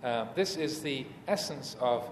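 An animated Buddhist monk teacher, his voice mid-range, gives a reflective dharma talk inside a large, reverberant hall with some noise in the background. He pauses often between measured short phrases, and echo trails behind his speech.

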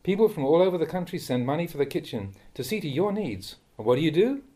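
Mellow-voiced monk reading a stern talk. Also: male voice, on the high side, expressive. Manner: measured and admonishing, rising sharply when scolding. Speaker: monk reading teachings aloud. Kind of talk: reading a Dhamma talk aloud. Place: monastery.

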